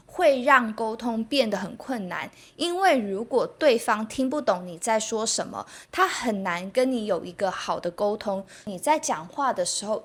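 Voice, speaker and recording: A young woman, explaining a lesson clearly and patiently. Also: fairly high pitch, a bit bright. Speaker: Mandarin teacher. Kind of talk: podcast-style spoken lesson.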